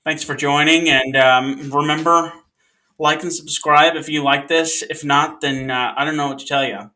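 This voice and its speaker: A man's voice: fairly high pitch, steady tone, moderate pace, pushed and bright. A man from Oklahoma hosting a casual podcast, easygoing and joking. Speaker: podcast host.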